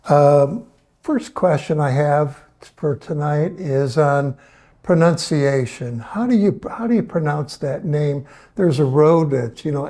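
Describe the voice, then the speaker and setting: Folksy man in his seventies, mellow voice. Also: a little high. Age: 70s. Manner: folksy, hesitant, full of uh fillers, asks the audience questions. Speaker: presenter. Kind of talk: casual talk to an audience.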